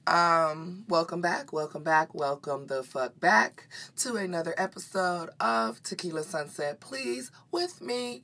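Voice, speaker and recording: A woman with a low voice that carries a slight morning rasp. She hosts a solo podcast in a loose, chatty style. Her delivery is sassy and unfiltered, with plenty of swearing and familiar pet names. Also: a bit bright. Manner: sassy, profane, unfiltered, says "honey" often. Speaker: podcast host. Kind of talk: casual chat, solo podcast. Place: walk-in closet at home.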